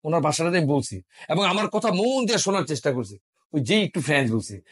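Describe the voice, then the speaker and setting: A man's voice: on the high side, big pitch swings, quick pace, slightly rough. A middle-aged man from Bangladesh teaching a French class, patiently drilling pronunciation and explaining usage. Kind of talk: classroom lesson.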